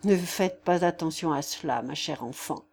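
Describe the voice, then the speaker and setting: A grave young nobleman, voiced by a woman reading an audiobook, speaks low and softly in a formal, measured way. The tone stays mellow and tender, with quiet remorse. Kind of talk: audiobook character voice.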